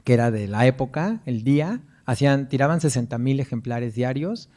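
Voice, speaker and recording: Mexican guy lecturing, chatty storyteller, keeps tacking on questions, warm mellow voice. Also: medium pitch, animated, normal speed. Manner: chatty, anecdotal, frequent tag questions. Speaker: guest lecturer, performance artist.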